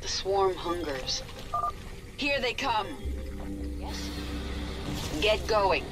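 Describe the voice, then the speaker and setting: A woman's voice: medium pitch, expressive, very slow. A woman voicing a vengeful, commanding alien swarm queen in a video game, imperious and curt. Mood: imperious, aggressive. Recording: loud game music behind.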